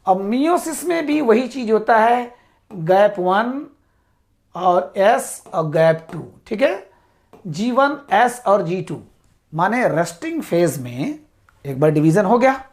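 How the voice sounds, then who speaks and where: A woman teaching biology at a whiteboard slowly drills terms, repeats key words, checks in after each point with "ठीक है", and calls her students "साथियों". She speaks at a medium pitch with big pitch swings and a slightly mellow quality.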